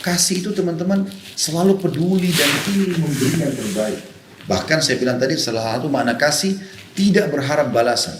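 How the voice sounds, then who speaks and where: A man's voice: a little high, animated, a little fast, roomy sound, background noise. A man preaching to an audience of women in an earnest, conversational way. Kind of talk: sermon to women.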